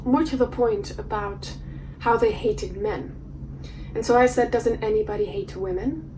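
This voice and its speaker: A woman's voice: on the high side, mellow, slight background noise, low-quality recording. An actress playing a defiant woman who delivers a dramatic monologue of mounting rhetorical questions. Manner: building, impassioned rhetorical questions. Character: defiant woman who resents being seen as nice. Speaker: actor in a showreel scene.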